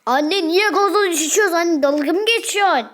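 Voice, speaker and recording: A woman's voice: very high voice, moderate pace, fairly bright tone. A woman voicing a cheeky, bratty child who talks back to their mother with whiny, squealing questions.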